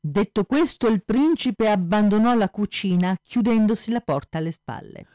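A woman narrating a comic fairy tale in a lively, measured storytelling manner. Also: medium pitch, no echo, studio quality.

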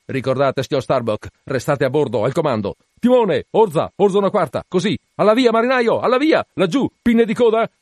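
A man voicing a fierce, obsessed whaling captain in an audiobook, shouting urgent, commanding orders to his crew in long, repeated cries. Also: mid-range voice, fairly quick, hardly any pauses, no room sound, studio quality, voice pushed up, natural voice.

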